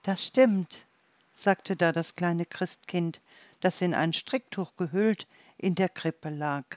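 A woman reading a children's Christmas story aloud in a calm, read-aloud narration. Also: on the low side, slow pace, no echo.

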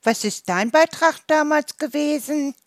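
A woman's voice: sits high, a little slow, dry recording, studio quality, voice pushed up. A woman voicing a good-natured donkey in a storybook tale, with a friendly, raised questioning voice. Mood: curious.

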